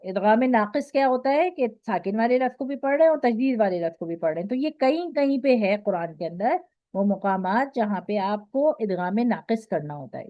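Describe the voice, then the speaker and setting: A woman with an Urdu accent teaching Quran recitation rules in an online lesson. She explains patiently, keeps checking with "okay", and recites her examples slowly. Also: mid-range voice, no echo. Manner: slow drawn-out recitation of examples. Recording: dry, dull lo-fi audio.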